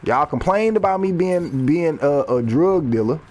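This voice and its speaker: A man's voice: a little high, lively intonation, normal speed, darkish tone. A man in his thirties, a rapper, rambling freely and swearing during casual gameplay commentary. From United States. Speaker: rapper and gaming streamer.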